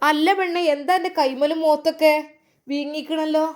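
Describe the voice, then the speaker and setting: A woman's voice: high voice, steady tone, a little fast, voice pushed up, lightly acted. A woman voicing an older, motherly matriarch who asks coaxing, fussing questions, with a Malabar Malayalam accent. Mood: concerned. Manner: warm scolding, coaxing questions.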